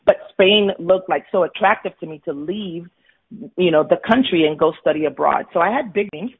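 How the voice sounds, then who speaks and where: A woman in her forties from Florida earnestly tells her life story as an interview guest, sharing candidly about her personal life. Her voice is on the low side with a breathy edge, at a moderate pace, and the recording has a tinny, phone-like sound.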